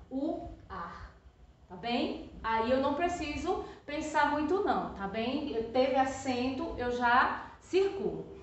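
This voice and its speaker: High-voiced teacher in an echoey room. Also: female voice. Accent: Brazilian Portuguese. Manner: patient, repeats "tá?" after nearly every phrase; slow, drawn-out stressing of example words. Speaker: primary school teacher. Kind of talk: remote lesson for young children. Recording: echoey room, distant from the mic, slightly muffled.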